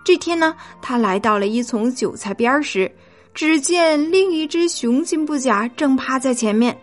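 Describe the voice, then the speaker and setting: A woman narrating a children's story in a lively, expressive way. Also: high voice, moderate pace, soft background music.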